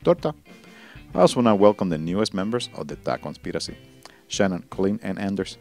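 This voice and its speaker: A man's voice: sits low, lively intonation, quick pace, vocal fry, a little mellow, faint music behind. A male host signing off his show, wisecracking and profane as he rattles off thank-yous. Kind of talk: irreverent show sign-off.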